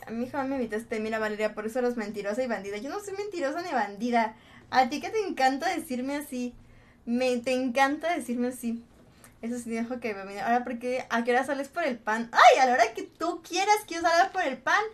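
A young Mexican woman streaming a mobile shooter, chatting playfully with her viewers, teasing them and greeting them with pet names. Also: sits high. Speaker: game streamer. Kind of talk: live-stream chat while gaming.

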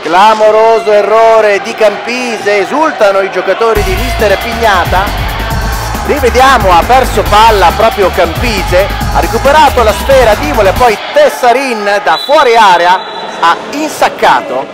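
A man with a high-pitched voice calls a futsal match play by play. He is an excitable commentator given to shouted goal calls. Music and crowd noise sit behind his voice. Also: normal speed. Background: music, sports hall crowd.

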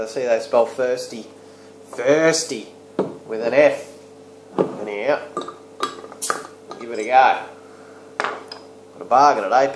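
A man's voice: mid-range voice, slight background noise. An easygoing Australian man in his thirties chats loosely through a beer review, drifting between thoughts and dropping crude slang. His mid-range voice bounces around a small, echoey room, picked up by a close webcam mic. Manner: laid-back, rambling, crude slang. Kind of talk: casual beer review vlog. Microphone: webcam or laptop mic close up.

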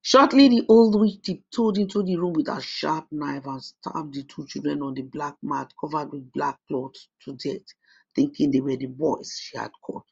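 A storyteller reading a folk tale aloud in a steady, measured way on a dull lo-fi recording. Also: medium pitch, creaky, slightly rough. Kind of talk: storybook narration.

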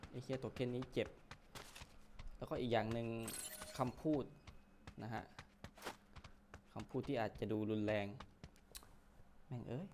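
A man from Thailand talks through his shooter game at home, cursing freely and pushing his voice loud so a weak mic catches it. His voice sits at an average pitch for a man. The recording is noisy, with clicking in the background. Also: fairly even intonation, a little slow, pauses often. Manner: swears often, talks loudly into a weak mic. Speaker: gameplay streamer. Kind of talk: casual gameplay commentary. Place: home room with fan and window. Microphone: weak, low-quality mic.

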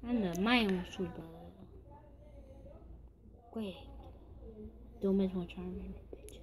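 A girl chatting casually while playing a game, excitable and quick to squeal and shout. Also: medium pitch. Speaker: gamer. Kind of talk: casual gameplay chat.

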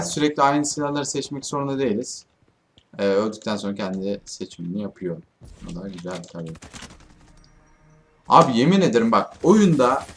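A young man commenting on a shooter as he plays it, in a voice of middling pitch for a man. He swears often and yells at his teammates when things go wrong. He keeps up a loose, chatty stream of commentary between rounds. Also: slight background noise. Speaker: gaming YouTuber. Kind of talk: casual gameplay commentary.

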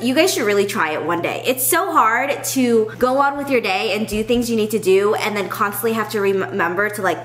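Sitting at a table in an open-plan house, a young adult American woman vlogs to camera in a rambling, informal way. Her voice is a little high with a fairly bright tone.

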